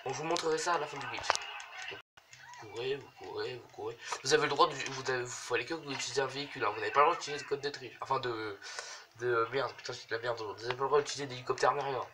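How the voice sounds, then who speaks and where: A man's voice: medium pitch, steady tone, rapid-fire, crowd noise. A man hosting a gaming video, talking through gameplay in a rambling, hesitant way and swearing often. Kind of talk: casual gameplay commentary. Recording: noisy home recording.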